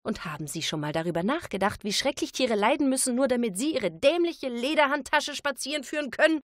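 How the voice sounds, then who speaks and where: A woman's voice: on the low side, moderate pace, dry recording, clean studio sound. A woman voicing a fiery young bistro owner and single mother who speaks heatedly and indignantly.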